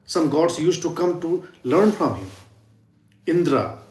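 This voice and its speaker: Man teaching, drops to soft whispers. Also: on the high side, very animated, slow, echoey room. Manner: earnest, drops to near whispers for emphasis, repetitive phrasing. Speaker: yoga and sound healing teacher. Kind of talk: informal spiritual teaching talk.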